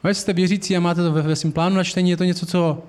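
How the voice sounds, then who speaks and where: Male preacher with a high voice, earnest and conversational, posing questions to the congregation. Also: level tone, a little mellow. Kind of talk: sermon.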